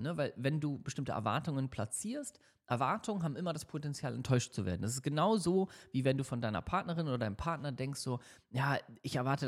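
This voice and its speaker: A man's voice: medium pitch, slightly rough. A man giving motivational career advice in a podcast, talking straight to the listener with many fillers and tag questions. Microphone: studio microphone.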